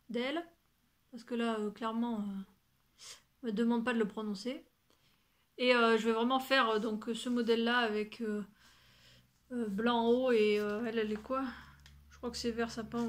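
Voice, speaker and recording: Chatty french-speaking lady vlogging her knitting, bright voice, a bit high, rambles and swears. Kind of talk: casual chat to camera.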